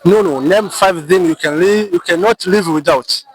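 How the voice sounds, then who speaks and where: A man's voice: sits high, moderate pace, low-quality recording. A young man hosting his channel, casually interviewing classmates with short, easygoing prompts. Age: young adult. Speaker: channel host. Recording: busy outdoor recording with chatter around.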